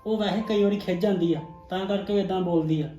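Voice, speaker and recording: A man playing a patient, kindly husband and elder brother in a family drama, speaking in a calm, reassuring way. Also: sits high, fast talker, far from the mic, muffled recording, lightly acted. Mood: soothing. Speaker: actor in a family web drama. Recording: echoey room, faint music.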